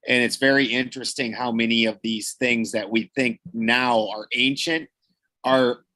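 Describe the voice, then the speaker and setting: A man's voice: medium pitch, fairly even intonation, a little slow, bright, forceful tone, dry recording. A man co-hosting a casual podcast, talking in a rambling way with many fillers. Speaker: podcast co-host. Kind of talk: casual group chat.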